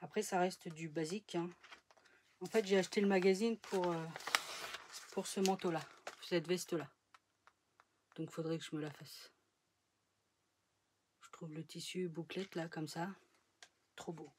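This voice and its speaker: A woman with a fairly low voice talks casually in a home sewing vlog, rambling and trailing off with plenty of fillers. Faint noise sits under the recording. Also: fairly even intonation, measured pace, long pauses, a little mellow. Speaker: sewing vlogger. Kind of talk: casual chat showing sewing projects.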